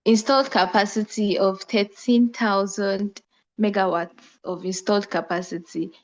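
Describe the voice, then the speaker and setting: A woman's voice: medium pitch, a little slow. Woman presenting over a screen-recorded call. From Nigeria. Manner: steady explanatory delivery with brief self-corrections. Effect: screen-recorded video call audio. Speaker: mentee group presenter. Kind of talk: online class presentation. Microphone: computer microphone on a video call. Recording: dull lo-fi video call audio.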